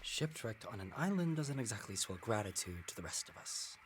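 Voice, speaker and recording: A man's voice: on the low side, sing-song, fairly quick, noisy background. A man playing a wry, protective castaway in a stagey period drama, with a dry way of talking. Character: wry, protective male castaway, handy with bow and knife.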